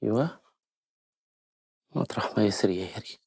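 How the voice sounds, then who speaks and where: An actor playing a scheming, flustered Egyptian husband who stammers and mutters asides in a comedy film. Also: male voice, fairly low pitch, lively intonation, moderate pace, creaky, warm tone, slightly rough, no echo, full character voice. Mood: coaxing. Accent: Egyptian Arabic. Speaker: comic actor.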